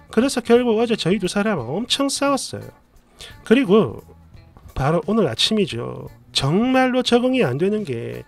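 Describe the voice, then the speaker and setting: Male story narrator, high voice, very lively pitch, expressive retelling, works over soft music. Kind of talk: storytelling narration of a reader's post. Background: faint background music.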